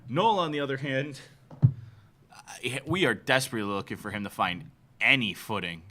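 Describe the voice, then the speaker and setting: Man, bright voice, casual baseball fan chat, laughs a lot. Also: medium pitch, brisk, slight background noise. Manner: excitable, laughs often. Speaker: baseball livestream co-host.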